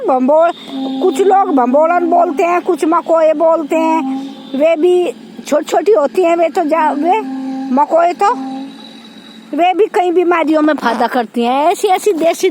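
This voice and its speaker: Unhurried high-voiced village woman vlogging outdoors. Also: a little mellow, poor audio. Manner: chatty, pointing things out to viewers. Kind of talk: casual walking tour vlog. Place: outdoors on a farm. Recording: faint outdoor noise.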